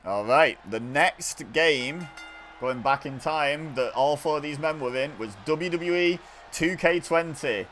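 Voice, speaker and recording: A man calling wrestling video game action play-by-play in a chatty, excitable way, often correcting himself. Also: on the high side, a little slow, slight background noise. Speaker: gaming video host. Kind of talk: play-by-play commentary over video game footage.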